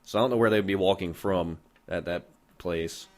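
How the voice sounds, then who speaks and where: Low-voiced man telling a rambling, sweary story. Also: normal speed. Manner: rambling, heavy swearing, loose and joking. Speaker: podcast host. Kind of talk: casual storytelling.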